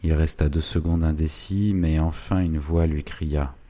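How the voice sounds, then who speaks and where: Deep mellow male narrator, measured and steady classic-novel reading. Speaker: audiobook narrator.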